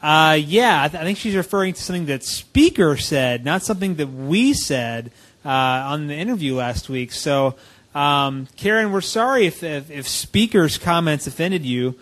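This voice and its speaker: A man's voice: fairly high pitch, lively intonation, normal speed, a bit bright. A man co-hosting a comedy podcast, speaking casually and hesitantly with many fillers. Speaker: podcast co-host.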